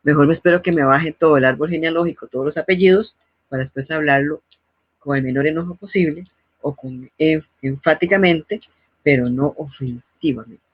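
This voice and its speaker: A woman's voice: deep voice, normal speed, breathy edge, dry recording. A middle-aged woman hosting a parenting advice talk in a didactic way, now and then acting out scolding parents. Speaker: host. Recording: dull, lo-fi dry recording.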